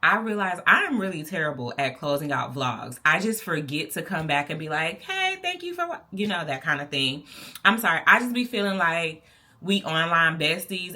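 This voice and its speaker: A woman's voice: on the low side, sharp tone. A woman with a Texan accent, vlogging to camera in a chatty, playful, colloquial way. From Texas. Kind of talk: casual vlog talk to camera.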